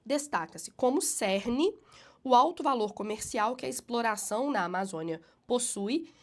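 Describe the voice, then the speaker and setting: Her pitch fairly high and her delivery animated, a teacher works through a student essay, her tone a little mellow. She's got a cold that makes her slightly nasal, and she alternates slow, emphatic read-alouds with quick explanations.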